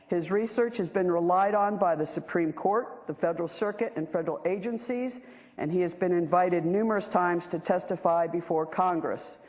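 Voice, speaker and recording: A woman's voice: lowish voice, darkish tone. Woman moderating in a reverberant hall. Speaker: panel moderator. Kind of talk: introducing panelists to an audience.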